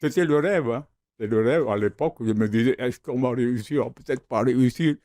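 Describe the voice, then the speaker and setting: An older man from the Austral Islands reminisces in a mellow, warm tone. His talk loops and repeats as he reaches for words, and the sound is close and dry, like a studio. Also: medium pitch, brisk, no room sound. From Austral Islands, French Polynesia. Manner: repeats words while searching, storytelling. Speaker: founder of the crafts service, guest.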